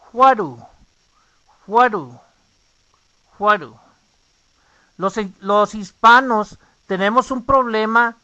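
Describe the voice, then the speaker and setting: A man's voice: sits high, sharp tone, smooth. A man teaching an English pronunciation lesson, repeating each phrase for learners to copy.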